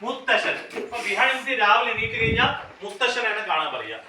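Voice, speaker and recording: Woman preschool teacher, coaxing and repetitive, sharp bright tone, recorded far off in an echoey classroom. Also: a little high, big pitch swings, brisk, a little hiss or hum. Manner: coaxing, repeats questions, mixes in English phrases. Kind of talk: classroom activity with small children. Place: classroom, indoors.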